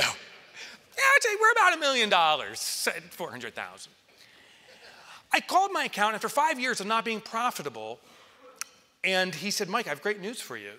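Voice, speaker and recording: A man in his forties giving an animated stage keynote, telling stories and acting out quotes with sudden excited highs, on a headset mic. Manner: lively storyteller, acts out quotes and jumps to excited highs. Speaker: keynote speaker. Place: large conference hall, on stage in front of an audience. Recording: reverberant hall.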